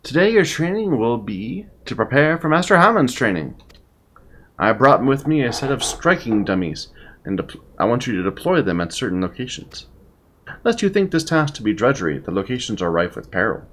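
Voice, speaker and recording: A man's voice: medium pitch, big pitch swings, moderate pace, a bit bright. A man reading aloud the lines of a stern male trainer, in a formal, instructive way.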